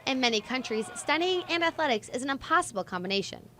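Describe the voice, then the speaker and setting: Bright-voiced young woman news reporter. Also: sits high, animated, fast talker. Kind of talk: scripted news narration.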